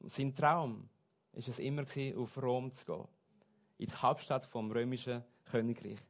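A man preaching a sermon, switching between soft asides and loud, stressed points. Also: medium pitch, steady tone, normal speed. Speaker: pastor.

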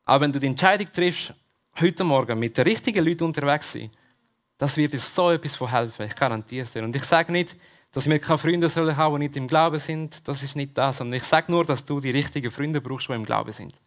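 A fairly high-voiced man preaches with a Swiss German accent at a church service. He talks straight to his congregation and comes back to his key questions again and again. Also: quick pace. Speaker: pastor. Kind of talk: sermon.

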